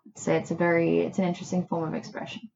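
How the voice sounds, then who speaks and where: A woman from Australia, a poet, speaking thoughtfully in a quiet bedroom and reading her poems. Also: on the low side, monotone, racing, gravelly, lo-fi sound, a little hiss or hum. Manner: thoughtful, musing. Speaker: poet guest. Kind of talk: reflective conversation and poetry reading.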